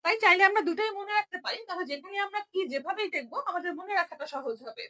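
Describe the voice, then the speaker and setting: A young woman with a very high, bright voice teaches a step-by-step writing lesson. She talks patiently and repeats each sound so learners can follow. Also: racing. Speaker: Japanese language teacher.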